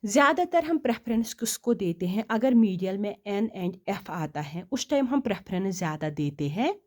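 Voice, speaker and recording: A woman teaching shorthand, explaining step by step, asking questions and answering them herself, and reading rules slowly. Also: mid-range voice, lively intonation. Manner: reads English rule text slowly and deliberately; drops to quiet, trailing asides while writing outlines. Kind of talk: classroom explanation.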